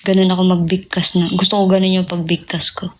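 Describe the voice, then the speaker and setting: A young woman singer chatting casually with fans on a livestream, drifting between talk, sung snippets and soft whispers. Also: fairly low pitch, level tone, brisk.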